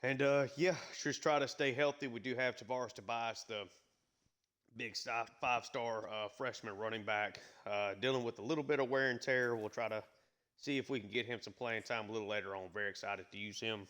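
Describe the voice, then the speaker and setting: A man's voice: on the low side, steady tone, brisk, bright, forceful tone. Man calling a football video game. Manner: conversational, filler-heavy, hiccuping. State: has the hiccups. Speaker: gaming YouTuber. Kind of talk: play-by-play game commentary.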